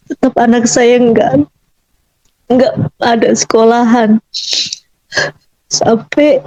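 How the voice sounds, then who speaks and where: High-voiced woman telling an earnest testimony. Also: dark tone, dry recording, dull audio. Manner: earnest, emotional storytelling. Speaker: mother giving a testimony. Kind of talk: personal testimony.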